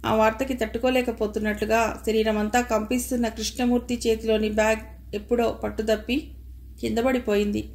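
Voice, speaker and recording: Higher-voiced woman reading a novel aloud. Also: flat delivery, a little fast, darkish tone. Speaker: audiobook narrator. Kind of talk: scripted novel narration with character dialogue.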